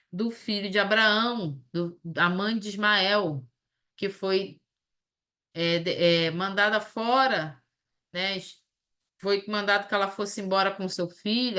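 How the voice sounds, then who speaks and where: A woman teaching a Bible study lesson. She reads scripture slowly, then explains it in a conversational way. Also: medium pitch, sharp tone.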